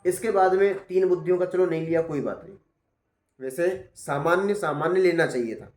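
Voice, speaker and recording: During a class, a teacher gives patient, step-by-step spoken feedback and keeps checking that he is understood. His voice is a little high with a darkish tone and a brisk delivery, recorded with a roomy echo.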